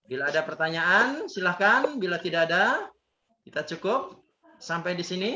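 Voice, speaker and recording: A man's voice: sits high, lively intonation, moderate pace, bright, forceful tone. A man teaching a grammar class, drilling students by repeating words and quizzing them. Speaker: Islamic teacher. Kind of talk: Arabic grammar class with call-and-response. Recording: echoey, dull lo-fi, faint noise.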